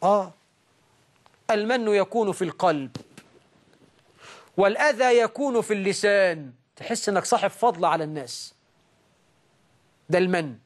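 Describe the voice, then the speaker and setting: A man preaching a sermon in an Egyptian accent, moving between slow, drawn-out recitation and sudden raised outbursts. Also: high voice. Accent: Egyptian Arabic.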